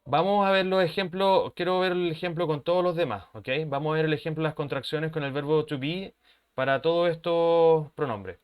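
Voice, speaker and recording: A man's voice: a little high, normal speed, clean tone. A man, an English teacher who explains patiently, repeats his points and keeps checking that his students follow. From Chile. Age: 30s. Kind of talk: language lesson explanation.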